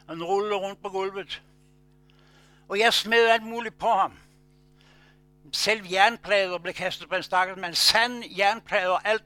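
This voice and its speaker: Male preacher, high bright voice, storytelling sermon, loud bursts then quiet asides, faint music under.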